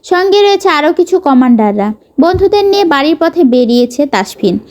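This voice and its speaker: A woman narrating a romance novel in a steady, expressive reading. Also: high voice, a little fast. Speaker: storyteller.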